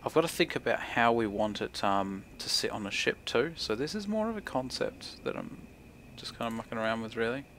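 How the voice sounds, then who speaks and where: An animated young man with a broad New Zealand accent talks briskly, hardly pausing, as he commentates on his gameplay. His mid-range voice is a bit bright, with a little hiss or hum in the recording. A gaming video creator at home indoors, he thinks aloud casually, slangy with mumbled asides.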